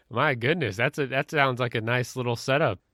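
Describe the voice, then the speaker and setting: Upbeat podcast host, dry close voice. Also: male voice, medium pitch, normal speed, sharp tone, dry recording. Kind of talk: podcast intro and interview.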